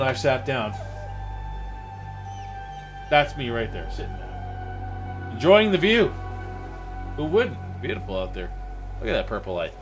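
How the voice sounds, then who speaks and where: A man streaming a game, joking around and talking to his in-game dog and his viewers. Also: fairly high pitch. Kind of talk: casual gameplay commentary.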